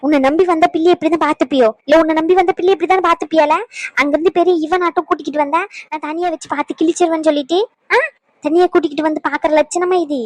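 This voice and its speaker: A woman's voice: extremely high pitch, fairly even intonation, quick pace, no room sound. A woman voicing a blunt, bossy older mother-in-law in a cartoon, who lectures and scolds. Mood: scolding. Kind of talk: cartoon voice acting.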